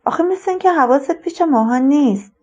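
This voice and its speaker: A woman's voice: high voice, animated, a little mellow, muffled recording, voice pushed up. A woman voicing a young adult daughter who asks her father teasing, direct questions.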